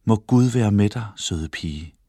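A man voicing a kind, elegant woman who speaks gently in an audiobook story. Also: on the low side, expressive, dry recording, studio quality. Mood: grateful. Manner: gentle, warm-hearted.

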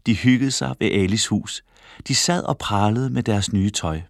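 A man reading a children's story aloud, clear and lively. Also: fairly low pitch, dry recording, clean studio sound. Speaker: reader.

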